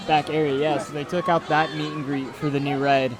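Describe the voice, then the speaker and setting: A man's voice: on the high side, little pitch movement, brisk. A man hosting a vlog, explaining things casually like a tour guide as he walks through a busy theme park outdoors. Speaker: vlog host. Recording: loud crowd noise outdoors.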